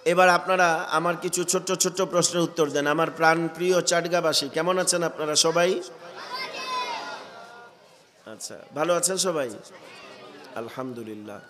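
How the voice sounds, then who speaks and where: A man preaching a sermon at a religious gathering while he has a cold, quizzing the crowd and building to loud emphatic peaks. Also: fairly high pitch, moderate pace, pauses often, big-room sound, a little hiss or hum.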